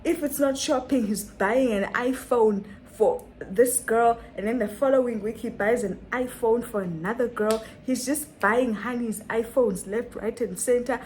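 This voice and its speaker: A woman's voice: fairly high pitch, unhurried, few pauses, darkish tone, slight background noise, rough recording. A young woman telling a dramatic story on her vlog, full of rhetorical questions and repetition. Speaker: vlogger.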